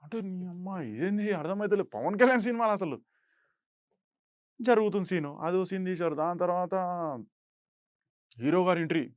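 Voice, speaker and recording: A young man's voice, sitting on the high side, comes through lo-fi with no echo. He's an actor appearing as an interview guest, telling animated stories and raising his voice whenever he acts out quoted lines.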